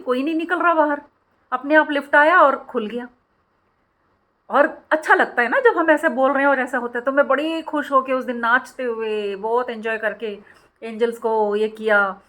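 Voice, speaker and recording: A woman's voice: fairly high pitch, a bit bright. A middle-aged woman hosting a spiritual channel, telling a personal story and giving instructions in a chatty way, often mixing English words into her speech.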